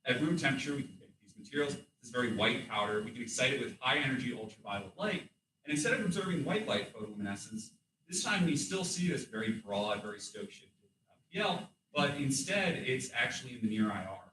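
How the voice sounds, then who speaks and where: A man giving an academic thesis defense in a hesitant, hedging way, often pausing and correcting himself. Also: medium pitch, lively intonation, pushed and bright. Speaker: doctoral candidate presenting research. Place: room with audible echo. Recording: roomy echo, distant mic, background noise.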